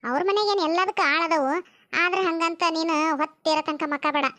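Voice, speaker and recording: High quick North Karnataka woman. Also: bright, forceful tone, no room sound. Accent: North Karnataka Kannada. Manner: chatty, scolding, advising. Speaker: comedy sketch actress. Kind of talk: village family comedy sketch.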